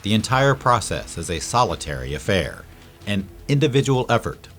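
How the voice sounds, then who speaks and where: A man giving dramatic, measured scripted documentary narration, slowing down on key phrases. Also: on the low side, very animated, a bit bright, faint music behind.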